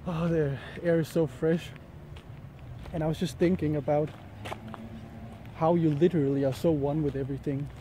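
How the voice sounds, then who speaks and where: A mellow, steady-toned man with a voice on the high side vlogs to camera while walking outdoors in a jungle in light rain, a bit sick with an ear infection. His rambling talk is musing and halting as he searches for words. Outdoor ambient noise and faint outdoor ambience fill the recording.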